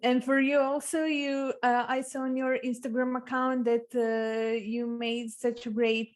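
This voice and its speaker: A young woman from Croatia with a Croatian accent, speaking halting non-native English as a guest author, full of uh fillers, on a video call. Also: fairly high pitch, fairly even intonation. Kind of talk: video interview.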